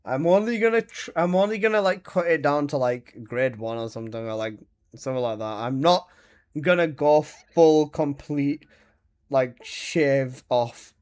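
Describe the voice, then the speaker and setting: A game streamer in his twenties talks live with his audience as he plays, his banter casual, teasing and laced with swearing and quick laughs. His voice is slightly high for a man, with a darkish, clean tone.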